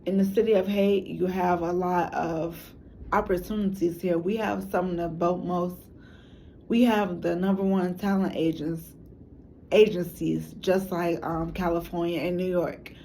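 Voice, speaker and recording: A woman's voice: fairly low pitch, steady tone, measured pace, dark tone, a little hiss or hum. A woman from Chicago with a Chicago accent, talking loosely and casually to camera for her own documentary, often restarting her sentences. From Chicago, United States. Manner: loose, meandering storytelling with frequent restarts. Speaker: documentary maker and narrator.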